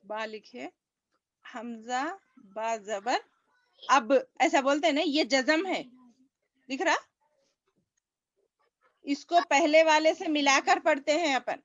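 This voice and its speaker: A woman's voice: sits high, long pauses, fairly bright tone, no echo. A woman teaching a recitation class over a video call, patiently repeating each sound for her students. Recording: dull lo-fi online call audio.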